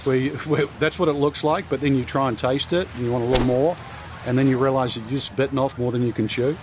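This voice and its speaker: A man's voice: mid-range voice, steady tone, fast talker, noisy background. A man working as a golf analyst, giving informal, conversational commentary in an anecdotal way.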